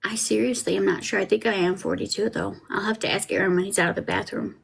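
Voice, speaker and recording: A woman's voice: medium pitch, steady tone, fast, creaky, breathy edge. A woman in her forties chatting casually as a podcast host, rambling and self-deprecating. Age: 40s. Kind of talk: casual livestream chat over a trial feed.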